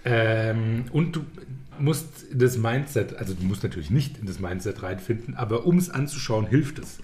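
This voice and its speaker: A man's voice: fairly low pitch, animated, normal speed, darkish tone. A man in his forties in casual chat, telling stories with ironic exaggeration. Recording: roomy echo.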